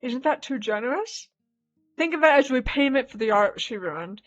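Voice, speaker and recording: A woman voicing a poised, protective female art professor in a formal, measured tone. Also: sits high, animated, fairly bright tone, lo-fi sound, soft background music. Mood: composed.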